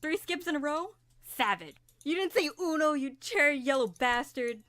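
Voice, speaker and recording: A woman voicing a brash young man who turns every card game into melodrama, speaking in a high, bright, sharp voice close to the mic in a dry room. He bursts into loud, theatrical declarations in an amateur fan fiction reading. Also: animated, normal speed, no echo. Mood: dramatic.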